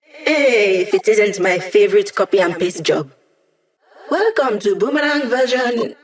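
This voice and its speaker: A woman's voice: medium pitch, animated, a little slow, close to an everyday voice. An actress playing a young digital hacker woman in a video game, wry and playful, with casual, teasing tech-geek banter. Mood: breezy. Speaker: hacker support character guiding a squad. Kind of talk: video game character voice lines.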